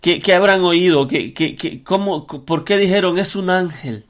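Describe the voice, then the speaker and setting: A man's voice: high voice, moderate pace. A man preaching a sermon in an earnest way, often repeating words and using fillers as he works through scripture.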